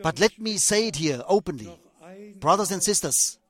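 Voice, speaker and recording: An older man preaching a sermon in a slow, emphatic way, repeating his phrases and restarting as he goes. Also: sits high, animated, fairly bright tone.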